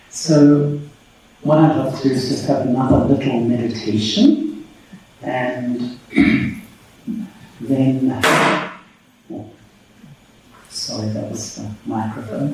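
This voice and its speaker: A man leading a guided meditation, speaking calmly and slowly, his voice echoing through a big hall. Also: mid-range voice, a little hiss or hum. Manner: calm, slow and measured. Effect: big hall echo on the voice. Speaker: meditation teacher. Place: large reverberant hall. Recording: heavy reverb, distant mic, faint music.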